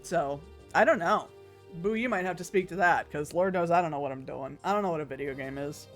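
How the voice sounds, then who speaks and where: A woman's voice: on the low side, brisk. A woman giving casual, chatty video game commentary as a streamer, playful and wry, with some swearing. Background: music.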